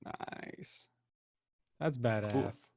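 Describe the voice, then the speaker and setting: A man's voice: mid-range voice, very slow, gravelly, a little mellow, dry recording, clean studio sound. A man co-hosting a comedy podcast, talking in a playful, rambling way. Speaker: podcast co-host. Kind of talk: casual comedy chat.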